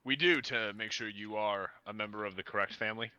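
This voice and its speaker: A stern male Legion officer barks clipped, officious questions, as a man puts him on. The voice is low, bright and forceful. The dry, dull audio sounds like lo-fi stream sound. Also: a little fast, clean tone.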